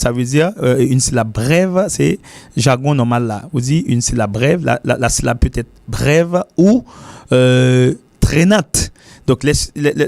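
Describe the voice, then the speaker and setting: Man, gravelly voice, dry close sound, informal English lesson, slow repeated examples. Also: mid-range voice, darkish tone, dry recording. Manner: repeats example words slowly, drawn out; mixes French and Haitian Creole. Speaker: English teacher.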